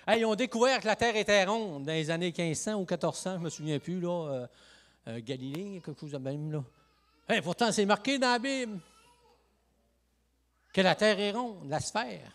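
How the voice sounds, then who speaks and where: A male pastor from Lac-Saint-Jean with a Quebec French accent, giving a lively, joking evangelical sermon full of "hey" and "amen" interjections. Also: high voice, normal speed, pauses often. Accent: Quebec French, Saguenay–Lac-Saint-Jean. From Quebec, Lac-Saint-Jean region. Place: church sanctuary.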